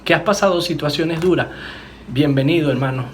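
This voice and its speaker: A man preaching a sermon as pastor, moving between fervent declarations and hushed, personal confessions. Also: fairly high pitch, a little fast, a little hiss or hum. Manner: impassioned preaching, swings from loud declarations to hushed, intimate moments.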